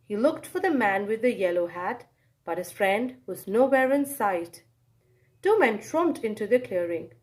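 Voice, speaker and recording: Reading a children's story aloud, a woman with a mid-range voice gives animated, expressive narration full of dramatic pauses and exclamations.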